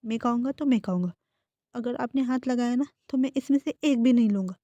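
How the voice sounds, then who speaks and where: Sulky stubborn young man, read out by a woman; snappish and bossy, slightly high, warm, dry. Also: a little fast, no room sound, lo-fi sound, close to an everyday voice. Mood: defiant. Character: sulky stubborn young male college student.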